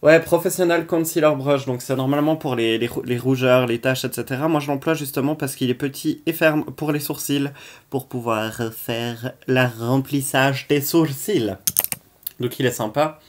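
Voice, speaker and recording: A man's voice: mid-range voice, steady tone, moderate pace. Chatty, blunt man reviewing makeup. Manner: chatty and blunt, many hesitations. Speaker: beauty vlogger. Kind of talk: casual product review.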